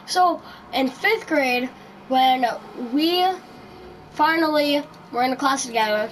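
A woman hosting a casual podcast chat, rambling through her story. Her voice sits high and she takes her time, pausing on plenty of ums and likes. There is a faint hiss behind her. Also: poor audio. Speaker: podcast host.

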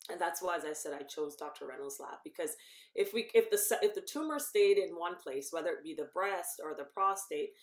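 A woman in her fifties speaks in a low, deep register, laying out her research in long explanations. She catches and corrects herself along the way, and the room around her adds a clear echo. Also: a little fast. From Barbados. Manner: explains at length, self-correcting with ums. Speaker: professor and cancer researcher. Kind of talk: guest in a podcast interview. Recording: roomy echo.

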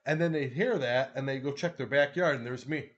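A man's voice: mid-range voice, brisk, dull audio. A man in casual chat, telling a story with lots of swearing and a habit of adding "right?". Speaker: co-host.

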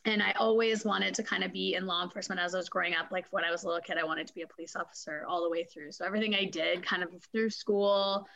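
A woman's voice: lowish voice, fast talker, gravelly, hardly any pauses, dull audio. Chatty Canadian woman guest. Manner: chatty, animated, laughs often. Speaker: guest, fitness testing company and former corrections supervisor. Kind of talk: casual interview storytelling.

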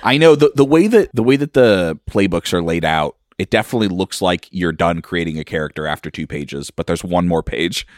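A man's voice: sits low, expressive, brisk, few pauses, dry recording, studio quality. A man acting as game master, enthusiastically explaining the rules of a tabletop game.

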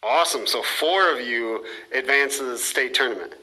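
An upbeat man hosting a casual sports podcast interview. His voice is very bright and forward, at an ordinary middle pitch. He keeps the talk easygoing and encouraging. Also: big pitch swings, moderate pace, vocal fry, rough recording. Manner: upbeat, repeats "awesome" and "perfect". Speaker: podcast host.

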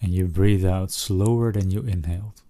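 A man with a low, dark voice leads a soothing guided relaxation in the manner of a sleep story narrator. He speaks gently, leaving long pauses between short phrases. The sound is close and dry. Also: steady tone, no echo.

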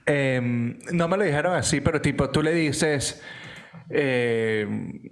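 A man's voice: medium pitch, takes it slowly. A man, a chef and podcast co-host, chatting casually in loose, slangy, joking talk. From Latin America. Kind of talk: casual chat.

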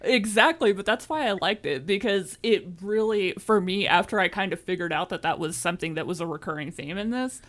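A woman's voice: mid-range voice, brisk, few pauses, a bit bright. A woman co-hosting a casual podcast about games, talking with enthusiasm and casual swearing. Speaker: podcast co-host.

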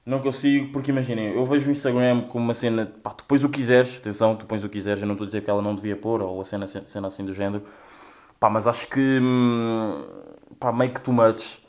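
A man's voice: mid-range voice, fairly even intonation, fast talker, darkish tone. Profane young Portuguese man ranting. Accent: European Portuguese. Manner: profane, rambling, mocking. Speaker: host reacting to social media clips. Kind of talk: casual commentary.

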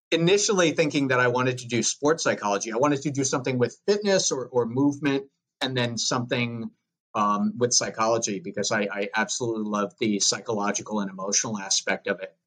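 A man's voice: medium pitch, a bit bright, rough recording. A man in his thirties with a Long Island accent, a podcast guest chatting casually and joking as he tells his story. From United States. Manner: chatty and jokey, with frequent restarts. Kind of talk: casual interview chat.

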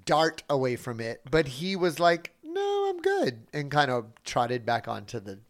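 Lively, animated man co-hosting a podcast. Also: medium pitch, moderate pace. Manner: animated, laughs often, chatty. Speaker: podcast co-host. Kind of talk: casual chat.

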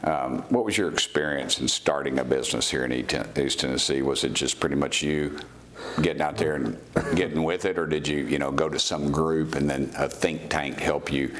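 A man's voice: rumbling low, fairly even intonation, fairly quick, a little hiss or hum. A middle-aged man, interviewing in a casual, folksy, informal way. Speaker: interviewer, host.

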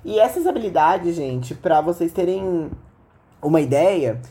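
A woman with a Brazilian accent tells stories as a podcast host in a fairly low, soft-edged, dark voice. She sounds sick, with the altered voice of an inflamed throat. Her delivery is informal and chatty, addressed directly to her listeners. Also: animated, unhurried. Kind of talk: casual storytelling monologue.

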